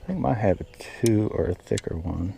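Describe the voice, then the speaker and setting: With a lowish, warm, creaky voice and lively intonation, a fishing vlogger talks a little fast while casting from a boat. His manner is folksy and colloquial, and the open-air recording carries plenty of noise.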